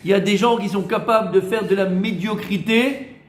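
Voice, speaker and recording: A man with a high voice leads a lively Torah class, teasing his students and firing questions at them. The room gives his voice a clear echo. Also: normal speed, background noise. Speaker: rabbi. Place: room with a small group of students. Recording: echoey room.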